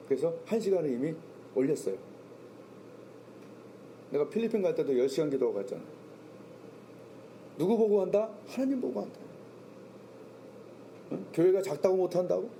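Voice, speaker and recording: Male pastor, gravelly voice that sits a bit high, preaching with rhetorical questions; faint background noise on the recording. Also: warm tone. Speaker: senior pastor. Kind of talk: sermon. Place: church sanctuary.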